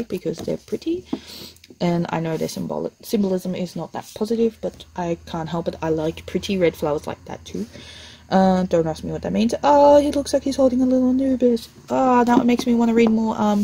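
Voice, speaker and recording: A young woman, chatting casually and excitedly, ranting a little and swearing now and then. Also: medium pitch, poor audio. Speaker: vlogger. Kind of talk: casual chat.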